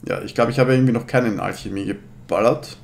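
A man's voice: mid-range voice, quick pace, vocal fry. A man in his thirties commenting casually on a game in slangy, laid-back talk, slightly slurred by new braces. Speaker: let's player.

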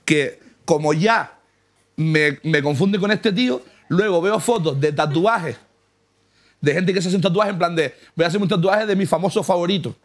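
A man's voice: high-pitched, moderate pace. A man telling boastful, mock-humble comic stories in a casual chat, laughing often. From Canary Islands. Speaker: comedian guest. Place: car.

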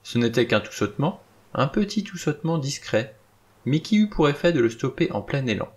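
Guy reading an audiobook chapter, steady plain narration, mid pitch. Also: brisk. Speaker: audiobook reader. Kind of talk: reading a novel aloud.

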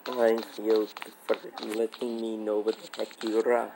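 A woman's voice: a bass voice, little pitch movement, a little slow, background noise. A woman chatting casually while playing an online game, teasing and playfully bossy. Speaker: gamer. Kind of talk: casual gaming chat.

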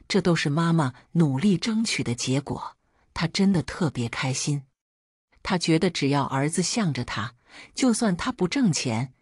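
A woman narrating a family drama story in a scripted, expressive reading. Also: low voice, husky, no echo, studio quality.

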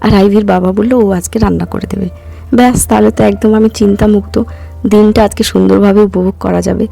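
A woman in her thirties, hoarse from a cough, chatting casually as a vlogger and walking viewers through each step. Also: medium pitch, steady tone, fairly quick, dark tone, faint music behind. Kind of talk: casual vlog narration.

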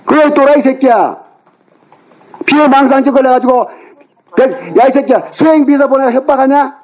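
A middle-aged man on a phone call, angrily yelling, cursing and berating the other person. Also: very high voice, moderate pace. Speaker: older brother on a phone call. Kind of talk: heated phone argument. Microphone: phone call recording.

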